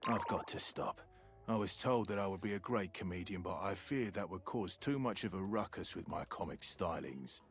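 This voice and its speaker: A stiff robotic butler, very deep, mechanical politeness, faint music behind. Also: male voice, animated, moderate pace. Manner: formal, mechanical and overly polite. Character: stiff, robotic male butler with a forced laugh.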